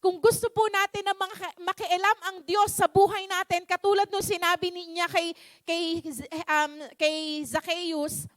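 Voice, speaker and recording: A woman's voice: very high-pitched, little pitch movement, a little slow, fairly bright tone, dry recording, studio quality. A woman preaching a church sermon, telling a story politely with many fillers and restarts.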